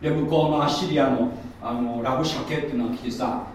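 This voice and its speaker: A man preaching a sermon as a pastor, in a chatty, lively storytelling manner with mocking asides. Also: medium pitch, fast, slight background noise. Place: church hall. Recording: echoey room from far off.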